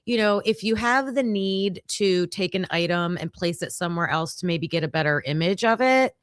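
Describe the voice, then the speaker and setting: A woman hosting a casual livestream case discussion, talking in a halting way with many fillers and frequent laughs. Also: on the low side, animated, no echo, studio quality. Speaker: livestream host.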